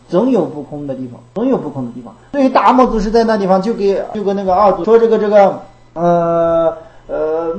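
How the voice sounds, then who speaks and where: A woman's voice: medium pitch, a little mellow, roomy sound, low-quality recording. A woman giving a Buddhist dharma talk. She repeats her phrases and asks rhetorical questions. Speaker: Buddhist teacher.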